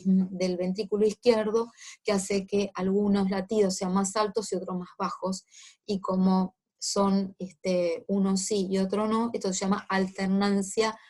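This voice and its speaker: A woman teaching a medical lecture, explaining step by step with frequent fillers and quick check-ins to her students. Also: mid-range voice, darkish tone.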